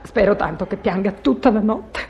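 An actress playing an eager, doting young wife in a radio comedy sketch, sugary and full of English pet names. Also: female voice, medium pitch, moderate pace, muffled recording, some chatter behind, slight background noise, close to an everyday voice. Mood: earnest.

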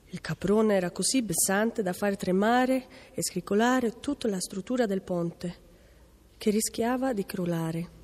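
A woman reading a children's fairy tale aloud in a lively, expressive storyteller manner. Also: mid-range voice, unhurried. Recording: long hall reverb.

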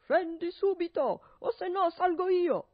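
A woman reading a radio storybook, voicing a murderous husband who shouts harsh threats. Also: medium pitch, sing-song, moderate pace, breathy edge, dry recording, dull audio. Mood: furious.

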